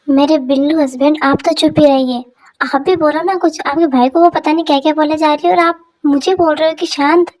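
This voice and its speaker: A woman's voice: sits high, steady tone, a little fast, a little mellow, lightly acted, poor audio. Woman doing a fiery, scolding sister-in-law. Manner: brash scolding. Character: fiery older sister-in-law, fiercely loyal. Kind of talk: Hindi fan dub drama.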